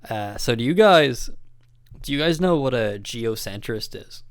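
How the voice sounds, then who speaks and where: A man's voice: medium pitch, animated, a little slow, smooth, dry recording, studio quality. A man co-hosting a casual podcast chat, telling a rambling story with lots of fillers. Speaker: podcast co-host.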